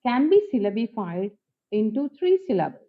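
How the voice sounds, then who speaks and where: A woman teaching a phonetics lesson, talking slowly and deliberately and repeating each example word. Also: on the high side, very animated, narrow, tinny audio. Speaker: English teacher.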